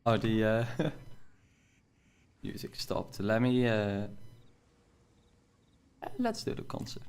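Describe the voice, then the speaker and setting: Gaming on stream, this young man from the Netherlands rambles and jokes with his viewers in a thick Dutch accent, laughing a lot. He speaks slowly in a lowish, clean, slightly mellow voice that is very animated.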